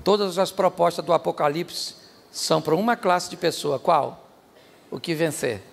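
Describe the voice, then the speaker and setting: A Brazilian man preaching a sermon as pastor, animated and joking, shouting out the lines he acts out. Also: on the high side, moderate pace, vocal fry. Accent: Brazilian Portuguese. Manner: animated, jokey, shouts acted-out quotes. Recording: reverberant hall, faint ambience.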